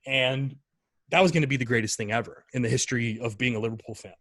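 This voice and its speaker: He talks fast: a man in his thirties, a guest on a casual podcast, telling a lively story and putting on a higher voice to act out the quoted lines.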